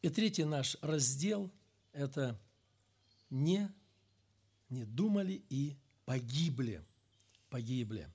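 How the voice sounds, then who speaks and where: A middle-aged man preaching a sermon, swinging between loud emphatic peaks and low quiet asides. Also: animated, slow pace, long pauses, slightly rough. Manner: acts out quoted speech in a raised voice.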